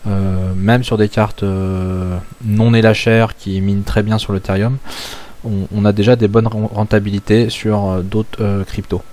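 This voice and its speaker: Hesitant, low-voiced French man explaining. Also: little pitch movement, a little slow, a little mellow. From France. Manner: hesitant, many filler sounds, thinking aloud. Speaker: crypto mining channel host. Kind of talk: casual screen-share tutorial.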